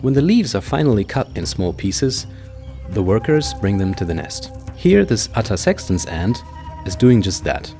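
A man narrating a scripted nature documentary in a measured, explanatory way. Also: on the low side, big pitch swings, mellow, soft background music.

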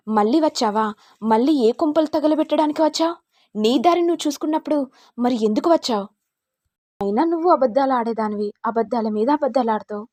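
A contemptuous young husband berates his wife, voiced by a woman retelling the story. The tone is husky and fairly high, in a close, dry recording. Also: a little mellow, dry recording, natural voice. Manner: scolding, contemptuous. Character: angry scornful young husband.

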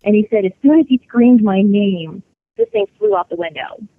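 A woman's voice: medium pitch, sing-song, normal speed. Chatty woman over a tinny phone line. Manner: chatty, many fillers and restarts. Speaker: interview guest. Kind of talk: telling a personal ghost story.

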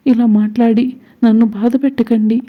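A woman's voice: fairly high pitch, fairly even intonation, normal speed, phone-quality sound, lightly acted. A woman voicing a timid young woman who politely pleads. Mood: pleading.

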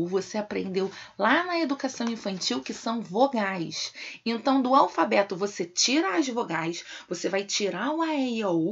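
A woman's voice: a little high, creaky, husky. A Brazilian woman teaching young children remotely, calling herself "tia" and using fond diminutives. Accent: Brazilian Portuguese. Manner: addresses pupils warmly as "tia" with diminutives. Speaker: primary school teacher. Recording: dull lo-fi home video sound.

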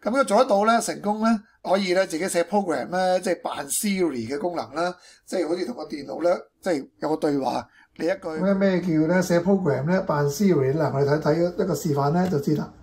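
A man's voice: a little high, fast talker, a little mellow, breathy edge. A man with a Hong Kong accent presenting an informal programming tutorial, mixing in English technical terms. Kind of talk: informal screencast tutorial explanation.

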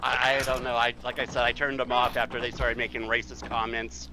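A man in game voice chat, calm, mocking and dismissive. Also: mid-range voice, a little fast, slight background noise, rough recording. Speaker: game player and uploader.

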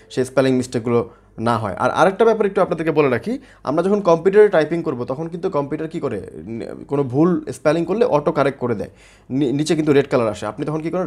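A man's voice: fairly high pitch, a little mellow. A man teaching an online spelling lesson, explaining step by step, spelling words out letter by letter and often checking in with the viewers. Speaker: English teacher.

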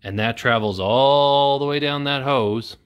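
This welding video host, a man in his thirties, speaks at medium pitch, a little slowly, with a smooth sound whose highs are cut off. He's giving a relaxed repair how-to in an indoor workshop backed by a corrugated metal wall, plain-spoken and self-deprecating.

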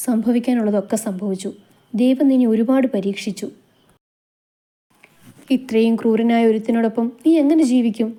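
A woman's voice: fairly high pitch, mellow, close to an everyday voice. A woman voicing a caring, protective young man who speaks in an earnest, consoling way in a storybook reading.

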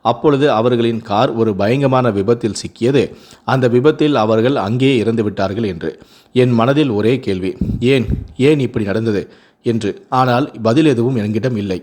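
Man, storyteller, somber, measured, middle pitch, scripted narration. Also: darkish tone.

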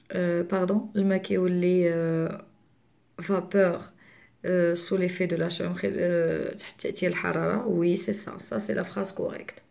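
Gravelly, mellow-voiced Moroccan woman teaching French. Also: mid-range voice. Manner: mixes French with Moroccan Arabic explanations; patient, repeats words slowly for learners. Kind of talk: online lesson for children.

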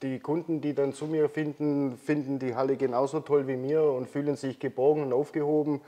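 A middle-aged man speaks as a workshop owner being interviewed in his hall. His voice is mellow and warm, and his manner calm and earnest, with short affirmations between longer explanations. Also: mid-range voice, fairly quick. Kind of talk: casual interview. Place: large workshop hall beside a motorhome.

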